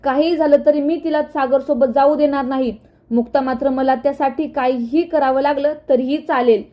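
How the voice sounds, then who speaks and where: A woman's voice: high-pitched, steady tone, normal speed, mellow, natural voice. A woman reading a scheming, jealous young woman. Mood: spiteful. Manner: spiteful, plotting. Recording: dull lo-fi recording.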